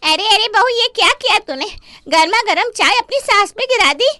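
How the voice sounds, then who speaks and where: A bright, meddling gossipy aunt. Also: female voice, a little high, measured pace, clean tone, dry recording, clean studio sound. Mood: shocked. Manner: nosy, stirring up trouble. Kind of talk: animated story voice acting.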